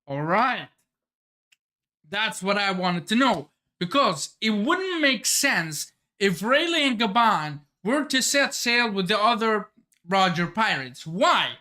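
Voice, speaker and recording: A man reacting live to a new manga chapter, his voice swinging widely as he exclaims and then trails off in thought. He takes his time, pausing and restarting while piecing things together. His tone is bright and forward. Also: high voice, big pitch swings. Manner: exclamatory, thinks aloud with restarts. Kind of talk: excited live reading reaction.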